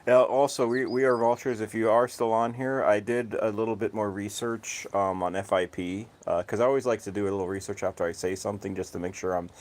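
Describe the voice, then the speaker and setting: At home with cats outdoors, a relaxed, low-voiced man chats casually with his livestream viewers and remarks that his voice is monotone. He speaks briskly with hardly any pauses, and there's slight background noise.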